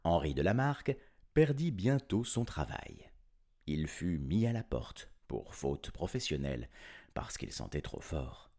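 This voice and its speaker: Deep, gravelly playful storyteller man. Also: a little slow. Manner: animated, playful, chuckling. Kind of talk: children's storybook reading.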